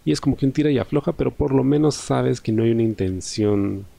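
A man's voice: medium pitch, fast talker, creaky, warm tone. A young man with a Peruvian Spanish accent hosting a solo podcast, talking in a reflective, conversational way and often ending phrases with a questioning tag. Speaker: podcast host.

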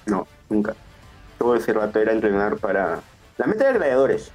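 Husky young man telling stories. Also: fairly low pitch, brisk, faint music behind. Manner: excitable, acts out quotes, rambling restarts. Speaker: wrestler. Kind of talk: casual interview.

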